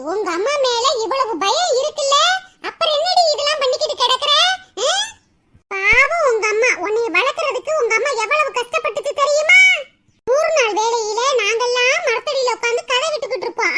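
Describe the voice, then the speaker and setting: A woman's voice: very high-pitched, a little fast, sharp tone. A woman voicing Rani akka, a middle-aged village auntie in a cartoon, speaking a southern Tamil Nadu rural dialect in a chiding, lecturing way. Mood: scolding.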